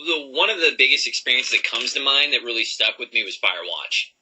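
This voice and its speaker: A man's voice: medium pitch, very animated, fast talker, sharp tone, a little hiss or hum, poor audio. A man co-hosting a casual podcast, rambling earnestly and self-deprecating. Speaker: podcast co-host.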